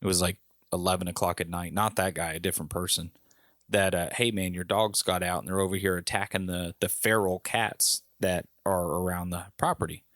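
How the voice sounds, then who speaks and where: A man's voice: low voice, fairly quick, dry recording, clean studio sound. A man co-hosting a podcast, telling a story in casual chat and acting out the people in it with a raised voice. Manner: animated storyteller, raising his voice when quoting people. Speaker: podcast co-host.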